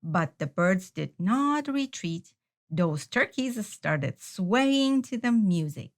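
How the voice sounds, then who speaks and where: A woman's mid-range voice carries an expressive, unhurried reading of a children's picture book, in the manner of a storyteller.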